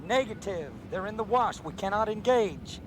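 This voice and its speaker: An actor playing a cocky, folksy fighter squadron colonel in a television science fiction drama. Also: male voice, animated, normal speed. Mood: commanding. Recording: loud music and engine rumble behind.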